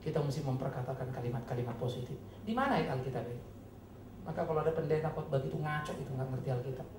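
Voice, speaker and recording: A man preaches a sermon in a church hall, animated and mocking, jumping from loud bursts to low, earnest tones. His voice rings around the room with a roomy echo. A faint murmur of ambience sits underneath. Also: racing, background noise. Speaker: pastor.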